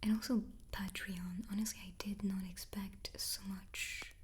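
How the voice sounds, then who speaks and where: A woman doing a whispered ASMR chat in a soft, playful, chatty way. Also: medium pitch, level tone, measured pace, slight background noise. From France. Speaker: ASMR creator and host.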